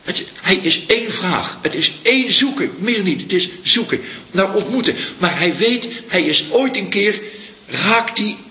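A man giving a reflective Buddhist dharma talk as a teacher, speaking slowly and searching for his words. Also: sits high, expressive, bright, forceful tone. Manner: slow, searching, pauses to find words. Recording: echoey room, dull lo-fi sound.

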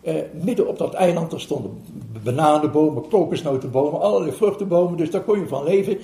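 A man's voice: on the high side, lively intonation, quick pace, gravelly, dark tone. An older man, telling a story to an audience as a meditation teacher, chuckling and hesitating with fillers as he goes. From Netherlands. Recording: roomy hall recording.

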